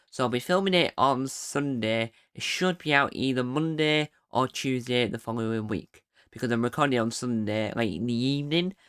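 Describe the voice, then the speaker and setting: Chatty man hosting a podcast, smooth voice. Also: mid-range voice. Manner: chatty and rambling, with bursts of excited cheering. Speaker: podcast host. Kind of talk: casual solo podcast recap.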